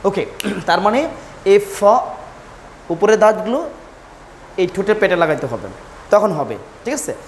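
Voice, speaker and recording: A woman's voice: mid-range voice, very animated, normal speed, pauses often, a little hiss or hum. A woman teaching English pronunciation, repeating each letter sound and correcting common mistakes. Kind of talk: pronunciation lesson, drilling letters.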